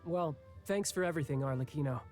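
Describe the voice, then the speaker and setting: Man as young male warrior, high voice, playful, casual, cocky, friendly, video game character, faint music. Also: quick pace, darkish tone, close to an everyday voice. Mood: breezy, friendly.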